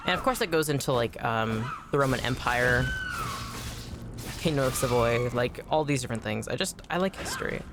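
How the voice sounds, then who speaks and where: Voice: medium pitch, animated, normal speed, music in the background. A game streamer chatting casually while playing, rambling and repeating words for emphasis. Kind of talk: casual chat while gaming.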